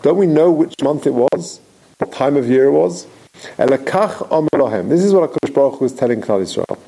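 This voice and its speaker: A man gives a Torah lesson in a gravelly, mid-pitched voice. He reads Hebrew phrases slowly, stretches key words and asks emphatic questions. He then explains the text through a long spoken story. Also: lively intonation, warm tone, poor audio. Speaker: rabbi teaching Torah.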